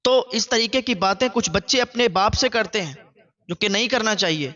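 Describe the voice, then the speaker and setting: A man's voice: sits high, sharp tone, lo-fi sound. A man telling a moral story as a sermon, earnest and exhorting, with lots of repetition. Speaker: preacher and storyteller.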